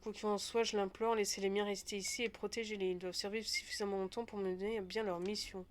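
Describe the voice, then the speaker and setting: A woman's voice: medium pitch, flat delivery, fast talker, close to an everyday voice. A woman voicing a solemn death-worshipping cult woman in a shroud, reading game dialogue aloud.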